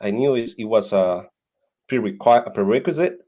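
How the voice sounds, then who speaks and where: A Colombian man in his thirties, with a Colombian Spanish accent, earnestly recounts his life story as a podcast guest, often repeating words as he searches for them. His voice is fairly low and at normal speed, and the lo-fi recording sounds dull.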